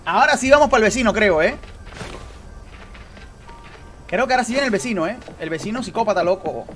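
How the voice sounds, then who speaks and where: A man doing live gameplay commentary, excitable, repeating phrases rapidly and talking straight to his chat. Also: sits high, faint music behind. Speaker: gaming streamer.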